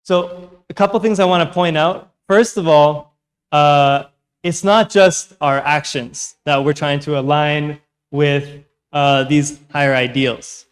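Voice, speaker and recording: An American man, a native English speaker, giving a public talk through an interpreter, mixing English with halting American-accented Spanish. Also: on the high side, fairly even intonation, clean tone. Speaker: guest speaker at a youth seminar.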